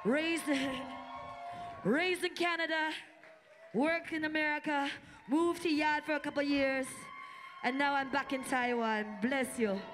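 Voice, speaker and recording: On a club stage, a Singaporean woman who raps and works as opening MC pumps up a live crowd through a handheld mic, energetically trading call-and-response with them. Her voice is high and her pace slow. It's captured through the live concert PA, with loud music making the background noisy.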